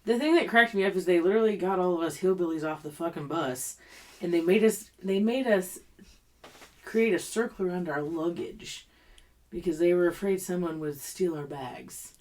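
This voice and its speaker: Blunt woman in her late thirties, lower voice. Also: normal speed, darkish tone. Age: 30s. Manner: blunt, swears freely, storytelling. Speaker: podcast co-host. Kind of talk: casual chat.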